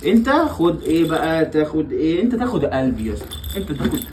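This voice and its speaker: A man's voice: on the high side, big pitch swings, fast talker, a little mellow, a little hiss or hum, low-quality recording. A young father with an Egyptian accent playfully coaxing his small children in a family vlog, laughing often. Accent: Egyptian Arabic. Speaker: father and vlogger.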